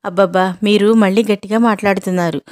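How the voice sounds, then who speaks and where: A woman voicing an anxious male house servant who talks in a hushed, fretful way. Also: mid-range voice, steady tone, quick pace, no room sound, clean studio sound, natural voice.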